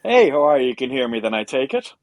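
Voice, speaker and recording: A man's voice: mid-range voice, very animated, fast talker. A man in his forties hosting a live online event in casual, jovial, upbeat chat. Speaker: conference host. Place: indoor home studio.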